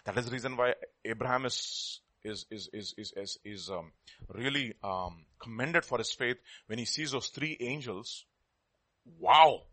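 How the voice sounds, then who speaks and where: A man's voice: mid-range voice, measured pace, a bit bright. A man with a South Indian Telugu accent preaching a sermon in a teacherly way, repeating key words for emphasis and putting questions to his listeners.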